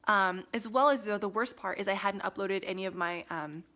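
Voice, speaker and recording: A woman's voice: mid-range voice, fairly quick, sharp tone. Young woman vlogger, chatty, filler-heavy, casual storytelling, phone camera. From Las Vegas, USA. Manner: chatty, lots of "like" and "um", laughs often.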